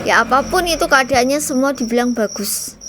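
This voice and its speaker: A woman channel host talks casually with a high voice, explaining a lecture to her viewers. She refers to herself by name and chats loosely. A faint hiss runs behind her. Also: moderate pace, a bit bright. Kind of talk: casual commentary.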